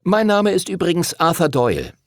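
A nerdy know-it-all schoolboy rattles off facts in a high, clipped voice, as a man puts him on. His tone stays matter-of-fact. The pitch jumps about with a gravelly rasp. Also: huge pitch swings, a little fast, no echo, studio quality, full character voice. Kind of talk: audiobook character voice.

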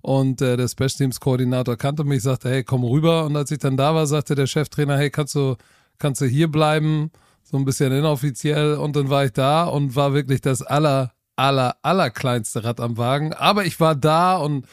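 A middle-aged German man, a guest on a podcast, recounts his career in a loose, self-deprecating tone. His pitch sits in the middle range, and the close mic keeps his voice dry with no room sound. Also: moderate pace, clean tone, no echo. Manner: relaxed storytelling, self-deprecating. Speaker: guest, football coach and TV expert. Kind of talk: casual interview talk.

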